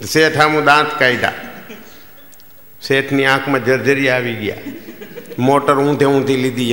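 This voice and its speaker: A male stand-up comedian with a bright, forceful voice and a Kathiawadi Gujarati accent. He tells folksy stories and acts out the dialogue as he goes. The recording has a roomy, long hall reverb from a live stage. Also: mid-range voice. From Jamnagar, Gujarat. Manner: folksy storytelling, acting out dialogue. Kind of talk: stand-up joke telling.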